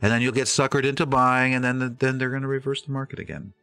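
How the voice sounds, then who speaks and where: A man hosting a live trading stream, talking through charts in a loose, rambling way full of fillers and quick asides. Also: mid-range voice, level tone, sharp tone, clean tone, no room sound, faint music behind. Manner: rambling, filler-heavy, breaks into voiced quotes. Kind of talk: casual market commentary.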